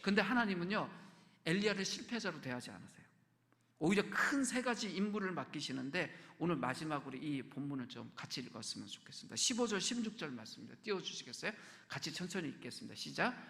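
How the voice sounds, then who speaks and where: Male pastor, slightly high and gravelly, conversational sermon delivery in a reverberant church. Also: very animated, fast talker. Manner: conversational preaching, asks the congregation questions, drops to soft whispers. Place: church sanctuary.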